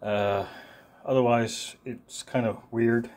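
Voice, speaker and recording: A man's voice: mid-range voice, fairly even intonation, slow pace, a little mellow. A man giving an unscripted, one-take knife review, talking casually with a lot of ums and uhs. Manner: casual, rambling, many fillers. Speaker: product reviewer.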